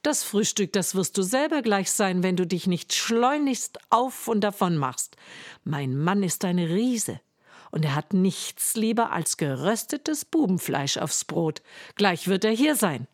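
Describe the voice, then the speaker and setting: Rich: A big, gruff-but-kind giant's wife hurrying and scolding in a storybook tale, put on by a woman reader. She talks loudly and quickly, pitched a little higher than the narration, in a dry, close sound. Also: very animated, dry recording. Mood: threatening. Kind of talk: storybook reading.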